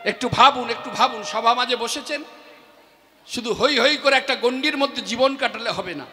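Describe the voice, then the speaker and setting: High-voiced preacher in an echoing hall. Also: male voice, normal speed, faint music behind. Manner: acts out dialogue, shifts between hushed and shouted. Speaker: religious preacher. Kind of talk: devotional sermon with storytelling. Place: stage before an audience.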